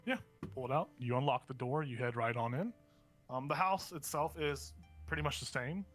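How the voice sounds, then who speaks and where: A man's voice: medium pitch, normal speed, fairly bright tone, faint music behind. A man working as game master, casually narrating a tabletop role-playing session.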